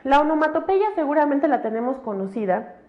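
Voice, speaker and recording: A woman's voice: high voice, brisk. A woman teacher, giving a recorded lecture and often checking in with tag questions. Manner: explains with frequent tag questions, animated examples. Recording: dull lo-fi recording.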